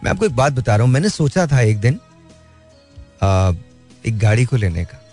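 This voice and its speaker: A man's voice: mid-range voice, sing-song, normal speed, darkish tone, faint music behind. A man talking in a casual, reflective way, earnest and mixing in English phrases. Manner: earnest, mixes in English phrases, laughs lightly. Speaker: speaker sharing life views.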